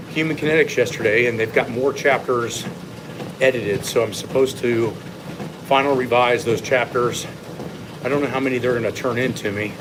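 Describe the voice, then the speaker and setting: A man who coaches fitness, talking casually to livestream viewers in a measured, opinionated way while walking on an incline treadmill. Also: medium pitch. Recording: loud steady treadmill machine noise. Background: treadmill running noise.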